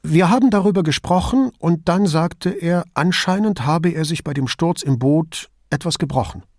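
A male reader voicing a nervous young lawyer who protests in a high, agitated voice. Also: moderate pace, darkish tone, no room sound, studio quality.

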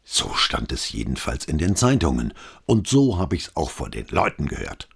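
A gossipy shopkeeper who savors grim news, leaning in with a conspiratorial, gloating tone, as a male narrator plays him. His voice is very deep and husky, swinging through a wide, lively range. It is a storybook reading. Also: moderate pace, heavily acted. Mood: gossiping. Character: gossipy male newsagent relishing bad news. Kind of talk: audiobook dialogue.

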